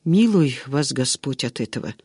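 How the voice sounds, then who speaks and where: A man voicing a long-winded old female servant who tells everything slowly and in order. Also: mid-range voice, lively intonation, a little mellow, husky, no echo, voice pushed down. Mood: garrulous. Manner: rambling, drawn-out storytelling.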